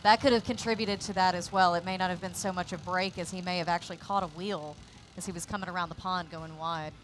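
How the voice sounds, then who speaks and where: A woman's voice: lowish voice, steady tone, fast talker, slight background noise, rough recording. A woman co-commentating at a drift event with friendly, chatty banter. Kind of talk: live motorsport commentary.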